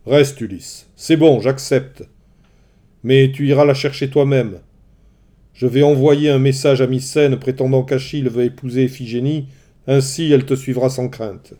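A man voicing a proud, quick-tempered male warrior king who gives loud, commanding outbursts in a storybook reading. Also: medium pitch, steady tone, pitched above the performer's own voice, natural voice.

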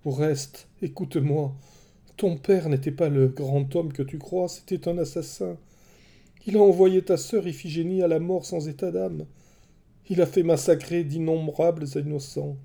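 A man's voice: fairly high pitch, steady tone, moderate pace, vocal fry, warm tone, voice pushed up. A man voicing a proud, desperate queen and mother who pleads and accuses in a raised voice. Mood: pleading.

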